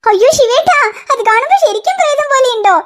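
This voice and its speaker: A woman's voice: very high-pitched, lively intonation, fast. A woman voicing a fussing cartoon mother who scolds in an exasperated way. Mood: explaining. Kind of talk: cartoon voice acting.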